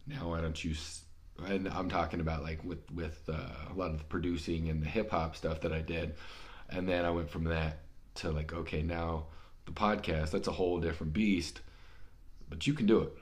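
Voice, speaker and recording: Low-voiced stammering podcast host man. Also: steady tone, normal speed. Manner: encouraging, stammers and repeats words. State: slightly hoarse from illness. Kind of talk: casual conversation.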